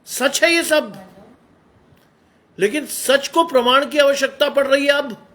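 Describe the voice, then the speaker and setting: A man's voice: very high-pitched, slow pace, a bit bright. A middle-aged man preaching a Hindi sermon, exhorting his listeners with rhetorical questions.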